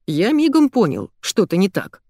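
Brief: young man making excuses read by a woman, animated. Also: medium pitch, moderate pace, no room sound, studio quality. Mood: defensive. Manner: justifying himself.

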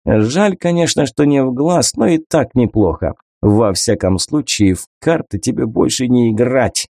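A man doing sardonic young male officer, curt and dry, dark mellow tone, lively pitch, audiobook. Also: unhurried, dry recording. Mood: mocking.

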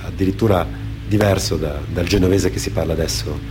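Music underscores a low, steady, somewhat fast male voice from Genoa. He is an author-performer and theatre storyteller on radio, reflectively telling dramatic tales, partly spontaneous anecdote, partly read testimony, with occasional halts and repeated phrases.

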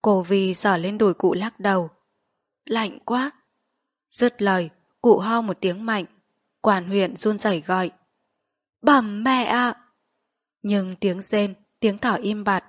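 A woman narrating a literary short story in a measured, steady reading voice. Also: mid-range voice, no room sound, studio quality.

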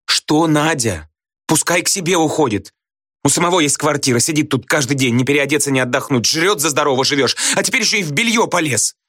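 A man voicing a furious young wife who shouts shrilly at her husband's friend. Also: expressive, fairly quick, no room sound, clean studio sound. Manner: high shrieking outbursts.

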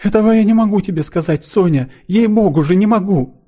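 A man reading an audiobook voices a timid, tearful young woman seamstress, pleading in a breathy, trembling voice. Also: fairly high pitch, expressive, moderate pace, mellow, pitched above the performer's own voice.

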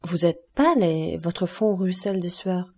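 A calm, kindly count, read by a woman in an audiobook, unhurried and gentle. Her voice is low, mellow and slightly husky. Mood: concerned.

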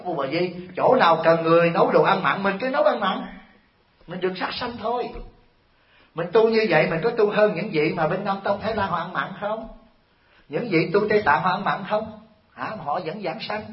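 A man giving a Buddhist sermon to an audience, telling stories and firing rhetorical questions at his listeners in an animated, scolding way. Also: fairly high pitch. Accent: Vietnamese. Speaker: Buddhist monk teacher. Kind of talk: dharma talk sermon. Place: temple hall. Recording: echoey hall, dull lo-fi sound.

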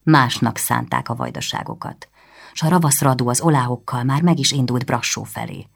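Hurried male courier in a storybook, low and gravelly, clipped orders, as a woman narrator puts him on. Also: very animated, full character voice. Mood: urgent. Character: urgent male courier of a prince.

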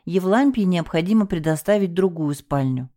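A woman's voice: on the low side, lively intonation, moderate pace, dark tone, lightly acted. A woman voicing a stern, no-nonsense woman who speaks in a firm, clipped way. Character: stern no-nonsense woman insisting on proper procedure.

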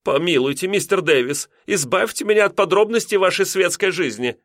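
Man doing a shrill scolding landlady. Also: expressive, fairly quick, a bit bright, no echo, studio quality. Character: fussy proper landlady, middle-aged woman.

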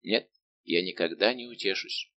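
A man's voice: low-pitched, normal speed, pushed and bright, dry recording, muffled recording, voice pushed down. A male reader voicing a heartbroken young nobleman who speaks in a bitter, restrained, formal way, in an audiobook.

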